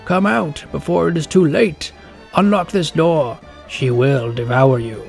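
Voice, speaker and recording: A man's voice: fairly high pitch, a little slow, vocal fry, soft background music. A man voicing a stern old woman guardian in a storybook reading, speaking in warnings.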